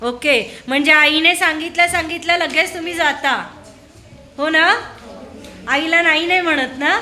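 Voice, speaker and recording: A woman with a high, bright voice questions a room of schoolchildren in casual chat. She coaxes and prods, asking the same thing again until they answer. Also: unhurried. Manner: prodding, coaxing with repeated questions.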